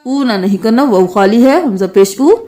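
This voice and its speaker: A woman's voice: expressive, warm tone, soft background music. A woman teaching Quran recitation, chanting verses melodically and explaining the rules. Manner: slow melodic recitation alternating with quick lower explanations. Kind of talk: tajweed lesson, slow recitation with explanations.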